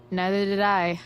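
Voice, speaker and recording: A woman's voice: mid-range voice, a little hiss or hum. A woman playing a sardonic, rebellious teenage girl in a video game, talking in sarcastic, casual slang. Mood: wry.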